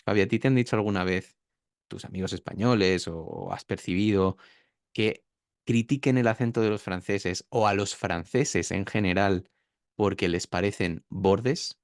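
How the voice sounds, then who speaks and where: Guy teaching pronunciation, lowish voice, smooth and clear, dry close sound. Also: moderate pace, no room sound. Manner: demonstrates sounds by drawing out words. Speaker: pronunciation teacher, interview guest. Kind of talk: explanatory interview talk.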